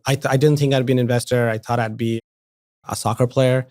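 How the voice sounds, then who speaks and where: A man's voice: medium pitch, steady tone, quick pace, darkish tone, dry recording, clean studio sound. A man from India in his forties, a guest talking casually in an interview, often restarting and repeating words. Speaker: venture investor, podcast guest.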